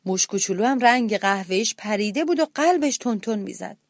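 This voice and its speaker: A woman's voice: mid-range voice, no room sound, studio quality. A woman narrating a children's story expressively, addressing the children directly. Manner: expressive, animated.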